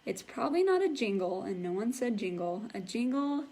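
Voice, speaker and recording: A woman's voice: mid-range voice, very animated, fairly quick, warm tone. A woman teaching a live online English class, patiently explaining words and encouraging her students. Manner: patient, encouraging, imitates sound effects.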